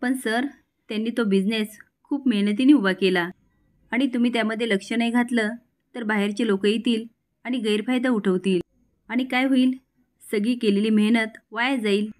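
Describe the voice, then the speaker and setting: A woman voicing a gentle young wife who politely persuades her husband in a storybook retelling. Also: fairly high pitch, steady tone, normal speed, close to an everyday voice. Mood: persuasive.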